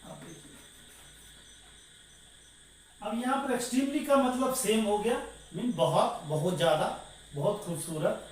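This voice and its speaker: A man's voice: high voice, takes it slowly, long pauses. A man teaching English grammar to a class. He asks questions and then answers them himself, and he keeps calling his listeners "dear". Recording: very echoey room, voice far from the mic, faint noise.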